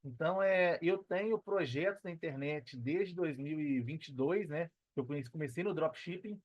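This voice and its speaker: He's a man in his thirties, a personal trainer and affiliate marketer, being interviewed casually on a podcast. With a fairly high pitch and a normal speaking speed, he talks in a Minas Gerais Brazilian Portuguese accent. No room sound comes through, and the audio is dry, dull, and lo-fi.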